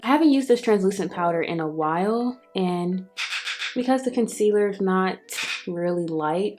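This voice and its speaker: Soft music plays behind a woman with a slightly low voice. She chats casually and directly to her viewers as a beauty vlogger giving a makeup review. Her speech is slightly affected by the retainer she is wearing. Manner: chatty, addresses viewers directly. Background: background music.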